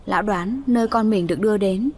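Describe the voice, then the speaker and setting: A woman's voice: medium pitch, fast talker, darkish tone. A woman narrating an audiobook story, reading the characters' lines in a lightly raised voice.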